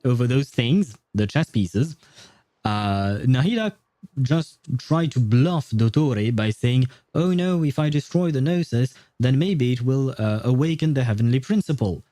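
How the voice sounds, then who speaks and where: Streaming a video game from a dry indoor setup, a man keeps up loose, rambling commentary and casual chat, swearing mildly now and then. His mid-range voice is dark with lively intonation and a measured pace; there's no room sound, just faint game music in the background.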